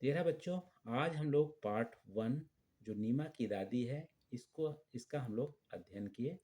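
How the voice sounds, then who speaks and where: Slow, patient male Hindi teacher. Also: mid-range voice, lively intonation, dark tone. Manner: spells out letters one by one, patient and drawn out. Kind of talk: slow spelling lesson for young children.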